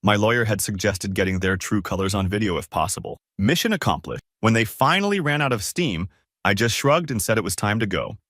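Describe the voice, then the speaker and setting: A man's voice: on the low side, animated, a little fast, a bit bright, no room sound, clean studio sound. A man reading a first-person story aloud in a casual, conversational way. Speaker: narrator.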